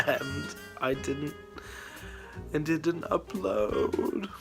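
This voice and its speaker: A man's voice: fairly high pitch, extremely slow, gravelly, music in the background. A man from the Philippines hosting his cooking channel, chatting casually to a camera on a tripod, rambling with restarts and little laughs.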